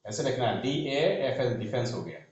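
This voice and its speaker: A man explaining shorthand in a classroom, spelling out letters as he writes and often trailing off softly. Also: mid-range voice, animated, fairly quick. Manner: talks while writing on a board, spells letters aloud, trails off softly. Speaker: shorthand teacher. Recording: echoey dull room recording.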